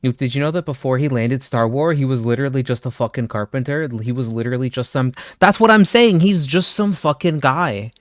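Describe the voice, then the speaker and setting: A man's voice: mid-range voice, brisk, hardly any pauses, no echo, clean studio sound. A man live-streaming, riffing jokes and swearing while he talks to his chat. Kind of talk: casual reaction chat.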